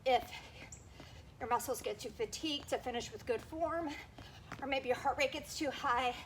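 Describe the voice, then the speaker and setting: Female aerobics instructor, slightly high voice, encouraging cues and countdowns while exercising; noisy outdoor backyard recording. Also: normal speed. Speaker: fitness instructor.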